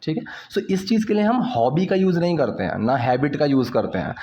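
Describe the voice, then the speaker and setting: A man with an Indian accent gives a casual English lesson. He often stops to check "ठीक है?" and says English phrases very slowly. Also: a little high, sing-song, dark tone, dull audio, a little hiss or hum. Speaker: English teacher.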